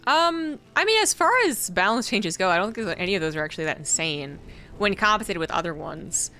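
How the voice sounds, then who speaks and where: A woman's voice: mid-range voice, expressive, fairly quick, pushed and bright, soft background music. A woman commenting on an esports match, talking through her views in a thoughtful, casual way with many fillers. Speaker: esports caster. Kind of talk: casual game commentary and analysis.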